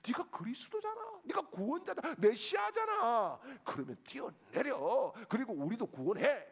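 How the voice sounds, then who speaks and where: A taunting male tempter, as a preacher puts him on, goads in a high, mocking voice that swings up and down with plenty of gravel. It is a sneering whisper from the devil's side, pushy and scornful. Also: big pitch swings, normal speed, exaggerated voice. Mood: goading. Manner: mocking, goading. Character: taunting male tempter urging Jesus to jump.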